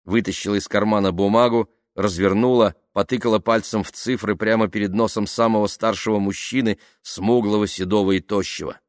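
A man narrating an audiobook in a lively, expressive reading. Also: on the low side, brisk, hardly any pauses, no room sound, studio quality. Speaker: audiobook reader. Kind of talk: scripted narration.

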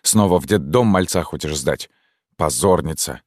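A man's voice: extremely low pitch, expressive, moderate pace, a little mellow, no room sound, clean studio sound. A man doing a grumbling aging stepfather. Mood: scolding. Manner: plaintive, scolding.

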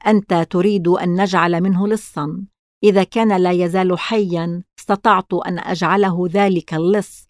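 A woman reading the part of a scheming, greedy old male gang boss who is scornful and quick to anger, in a storybook reading. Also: lowish voice, darkish tone, no room sound, clean studio sound, natural voice. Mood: wheedling. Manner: scornful, furious outbursts.

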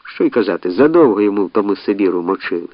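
A man voicing a rough, loyal soldier who talks earnestly and plainly to his commander. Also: on the low side, expressive, racing, no echo, muffled recording. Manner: earnest, folksy storytelling.

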